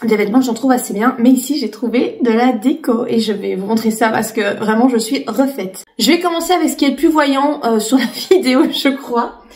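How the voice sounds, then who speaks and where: A woman's voice: on the high side, a little fast, darkish tone. Chatty woman vlogger in an echoey room. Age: 30s. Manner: chatty, many fillers and restarts. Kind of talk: casual chat.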